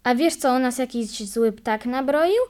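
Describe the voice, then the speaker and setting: A woman's voice: high-pitched, measured pace, darkish tone. A woman reading a folk tale aloud, voicing a peasant wife who complains to her husband. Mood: complaining. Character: the carter's worried peasant wife.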